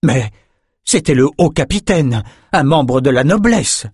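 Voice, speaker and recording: A man's voice: mid-range voice, normal speed, dry recording, studio quality, pitched above the performer's own voice, close to an everyday voice. A man voicing a frightened, distraught palace guard in an audiobook, urgent and pleading. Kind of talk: audiobook character voice.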